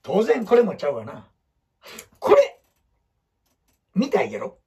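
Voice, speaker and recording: In dull audio, a man with a high-pitched, dark-toned voice speaks slowly, his pitch swooping wildly. He's a photographer with an Osaka Kansai accent offering life advice in a casual whiteboard talk, blunt and rambling, acting out quotes in other voices.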